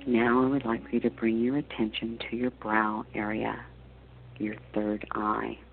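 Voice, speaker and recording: Slow, creaky man guiding deep breathing. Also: monotone, slight background noise. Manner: soothing, hushed, measured delivery with trailing soft phrase endings; slow, counted deep-breathing instructions with long pauses. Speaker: spiritual teacher leading a group meditation. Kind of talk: guided meditation. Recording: dull lo-fi audio with soft music. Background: soft meditation music.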